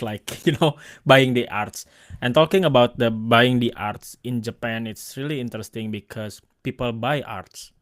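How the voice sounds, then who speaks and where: A man with an Indonesian accent talks in a relaxed conversational interview. His speech comes in short, stop-start pieces, often restarting words and leaning on fillers. His voice sits at an ordinary middle pitch for a man. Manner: halting, restarts words, many likes and fillers. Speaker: host and photographer.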